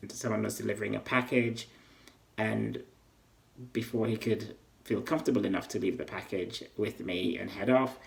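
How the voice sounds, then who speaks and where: A man from Sierra Leone speaking slowly and deliberately in an interview. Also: lowish voice, fairly even intonation, gravelly. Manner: slow, deliberate.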